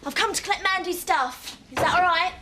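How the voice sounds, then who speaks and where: A woman's voice: extremely high pitch, a little fast, sharp tone, slight background noise. A young actress playing a young woman standing up for her friend, pleading and cheeky. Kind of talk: television soap drama.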